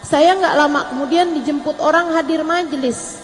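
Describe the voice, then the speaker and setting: A woman's voice: sits high, moderate pace. A woman preacher giving a sermon, telling stories in a casual, humorous, colloquial way. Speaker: preacher (ustazah). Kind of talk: sermon to a religious gathering. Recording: long hall reverb with faint mains hum.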